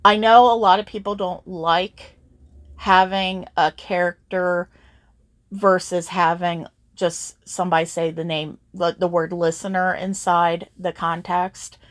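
A woman's voice: fairly low pitch, level tone, measured pace, dry recording. A woman voice actor hosting her own channel, earnestly speaking straight to her listeners in a casual update.

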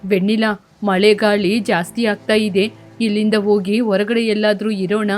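A woman's voice: medium pitch, little pitch movement, moderate pace, a little mellow, faint music behind, pitched below the performer's own voice, lightly acted. A woman voicing a worried, caring young husband who urges and comforts his wife in a cartoon story. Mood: anxious. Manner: urgent, comforting.

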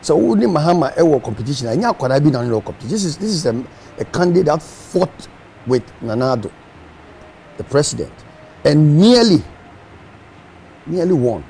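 Hesitant man, mellow voice. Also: fairly high pitch, big pitch swings, a little fast, vocal fry, pauses often, a little hiss or hum. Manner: hesitant, repeats words. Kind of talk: casual political discussion.

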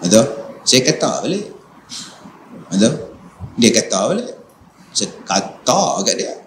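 A man's voice: fairly low pitch, sing-song, measured pace, voice pushed down. A man voicing a stubborn, aggrieved male congregant with a Northern Malaysian accent who keeps asking for agreement. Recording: echoey mosque hall, faint noise.

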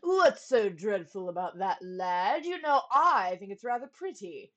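A woman's voice: mid-range voice, very animated, measured pace, fairly bright tone, lo-fi sound. A woman voicing a proud, boastful male captain of the guards who talks in a hearty, dismissive way.

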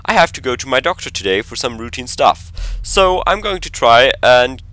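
A man reading out a game note in the voice of an uneasy letter writer, brisk and hesitant with small slips. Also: mid-range voice, expressive, fairly bright tone, dry recording, natural voice.

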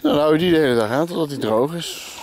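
Joking vlog dad filming outdoors. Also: male voice, fairly high pitch, quick pace, heavy background noise. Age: 30s. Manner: joking mock-announcer banter. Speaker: vlogging father. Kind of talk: casual family vlog. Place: outdoors at a campsite. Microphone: handheld camera behind the lens. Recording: background music under voice.

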